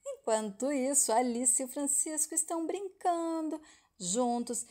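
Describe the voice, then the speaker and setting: A woman with a Brazilian Portuguese accent tells the plot of a soap opera episode in a chatty, casual way, tying scenes together with quick linking phrases. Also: high-pitched, mellow.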